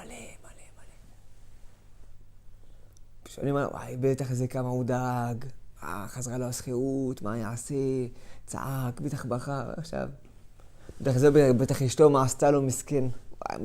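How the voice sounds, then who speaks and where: A middle-aged man giving a sermon as a rabbi, dramatic, moving between hushed tones and loud outbursts and acting out inner voices. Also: a little high. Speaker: rabbi giving a weekly lesson.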